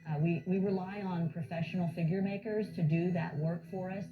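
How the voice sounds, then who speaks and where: A woman speaking as a museum curator in an informal documentary interview, explaining in a measured way. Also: fairly low pitch, steady tone. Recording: thin phone-like audio under music. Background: background music.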